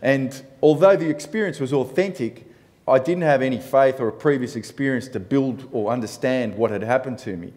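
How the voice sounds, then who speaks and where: A man telling a personal story in a rambling, self-mocking way, laughing here and there. His voice sits at a middle pitch and carries a long echo, as if in a large hall. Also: moderate pace, a little mellow. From Italy. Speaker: discussion group participant. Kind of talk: candid storytelling in a group discussion.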